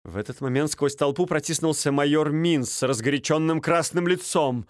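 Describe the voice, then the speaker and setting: A man reading a novel aloud as narrator, with an expressive delivery. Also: fairly high pitch, normal speed, no room sound, studio quality. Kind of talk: audiobook narration.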